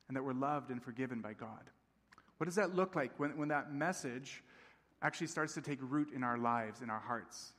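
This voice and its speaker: Preaching in a large church sanctuary, a man in his thirties speaks at medium pitch with a fairly bright tone. Raised in Tanzania and now a campus pastor, he keeps things friendly and conversational, regularly checking in with his congregation. Long church-hall reverb colors the recording.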